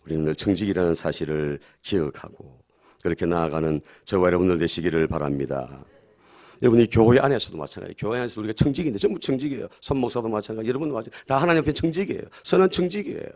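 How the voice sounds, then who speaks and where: Emphatic pastor preaching. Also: male voice, on the low side, lively intonation, very fast, a little mellow. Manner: emphatic, repeats key phrases, has the congregation repeat after him. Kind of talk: sermon.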